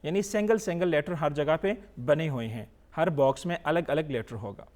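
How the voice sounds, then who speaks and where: Man, Pakistani accent, high voice, patient teacher, slow drawn-out recitation, English mixed in. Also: darkish tone. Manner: mixes English words into explanations. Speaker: Quran teacher. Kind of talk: televised Quran reading lesson.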